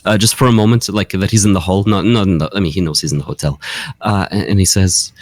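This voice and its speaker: A man's voice: low voice, steady tone, fast, no echo. A man narrating his character in a tabletop game, hesitant and full of fillers. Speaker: player. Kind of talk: tabletop role-play narration.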